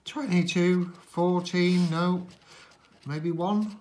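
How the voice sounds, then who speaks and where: A man's voice: high-pitched, fairly even intonation, extremely slow, darkish tone. A middle-aged man chatting casually while scratching cards, calling out numbers one by one like a bingo caller. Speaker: host of a scratch card channel. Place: indoors at a tabletop.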